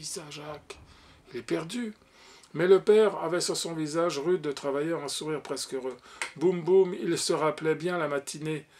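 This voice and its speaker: A man reading a short story aloud as an audiobook, expressive, giving the characters' lines their own voices. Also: fairly high pitch. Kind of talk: audiobook narration.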